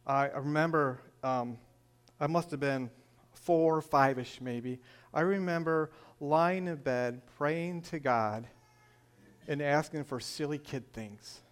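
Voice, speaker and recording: A church testimony speaker, an older Michigan man with a northern Michigan accent, earnestly tells the story of his faith, filling pauses with "uh." His voice is a little high, slow, and smooth.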